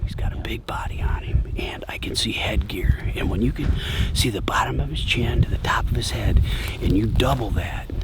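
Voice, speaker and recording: A man whispering field commentary outdoors as he stalks game, hushed and eager. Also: fairly low pitch, creaky. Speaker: hunter narrating a hunt. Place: outdoors in open brush country.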